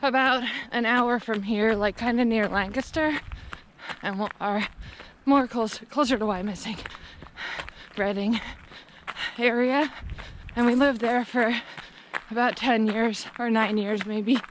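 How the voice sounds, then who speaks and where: A woman's voice: fairly high pitch, fairly even intonation, a little slow, pauses often. An American woman in her thirties chatting candidly to the camera in effortful bursts while running. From Pennsylvania, United States. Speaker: running vlogger. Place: outdoors on a rural road. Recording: outdoor wind and passing traffic noise.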